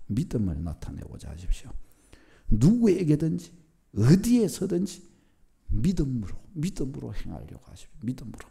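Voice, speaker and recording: Gravelly Korean pastor with a lively pitch. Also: male voice. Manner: emphatic, repeats key phrases, rising to near-shouts. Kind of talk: sermon.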